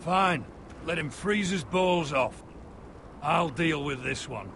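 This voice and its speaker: A man's voice: fairly high pitch, expressive, slow pace, a bit bright, a little hiss or hum, heavily acted. A man playing a stern military training commander in a video game, scolding with authority. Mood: curt, annoyed.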